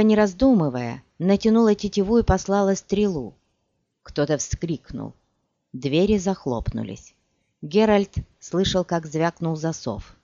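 A man reading a fantasy audiobook aloud in an animated storytelling manner. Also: high-pitched, dry recording. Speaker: audiobook narrator. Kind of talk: scripted fantasy narration. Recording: dull dry lo-fi recording.

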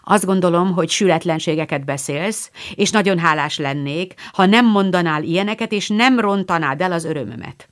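Brief: woman voicing a blunt, impatient teen girl, lowish storybook voice. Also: hardly any pauses, close to an everyday voice. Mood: indignant. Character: spirited tomboyish teenage girl.

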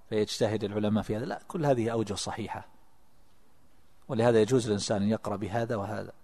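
A man teaching a religious text, reading passages aloud and explaining them in a measured lecturing manner. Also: lowish voice, warm tone, in a large hall. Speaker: sheikh teaching a classical text. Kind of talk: religious lesson explaining a treatise. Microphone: amplified lecture microphone.

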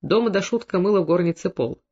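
High-voiced man reading an audiobook. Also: fast, a little mellow, husky. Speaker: narrator. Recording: dull lo-fi recording.

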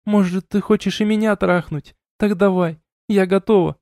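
A man voicing a drunk, tearful young woman mage who sobs and accuses, slurred and shrill. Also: steady tone, moderate pace, a little mellow, no room sound, studio quality. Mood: angry. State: crying.

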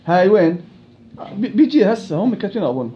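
A man teaches recitation in a classroom. He corrects his students, repeating single syllables to show each sound and drawing verses out slowly. The recording is dull and lo-fi, with faint noise behind him. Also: sits high, very animated. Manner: slow, drawn-out recitation of verses. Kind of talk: tajweed lesson with students.

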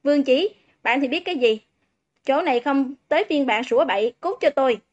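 A brash schoolboy who rattles off loud insults, as a woman reads him. The high voice sits in a dull, lo-fi recording. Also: animated. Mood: brash, insulting. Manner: loud, rapid-fire, insulting.

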